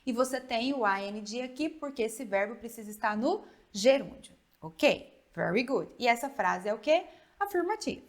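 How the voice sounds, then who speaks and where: A woman's voice: fairly high pitch, animated. Brazilian woman teaching English grammar. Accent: Brazilian Portuguese. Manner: explains slowly, models English phrases deliberately and checks in with "né?" and "ok?". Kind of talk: online grammar lesson.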